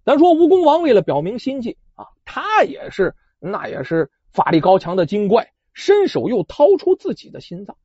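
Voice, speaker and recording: A storyteller telling a folk tale in a traditional oral style, speaking directly to listeners with drawn-out particles, on a dull lo-fi recording. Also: medium pitch, wildly swooping pitch, mellow, husky, dry recording.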